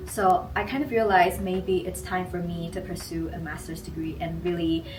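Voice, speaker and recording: A woman's voice: lowish voice, fairly even intonation, normal speed. A woman in her twenties with a Taiwanese accent, explaining her background easily with some fillers. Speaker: interviewee, graduate student. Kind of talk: casual interview. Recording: echoey room, distant mic, noisy.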